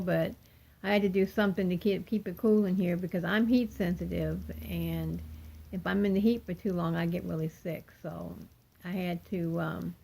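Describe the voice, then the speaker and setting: An older woman talking without her dentures, with soft toothless articulation, in a rambling, apologetic casual update to viewers as a craft vlogger. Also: medium pitch, creaky. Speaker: cross-stitch vlogger.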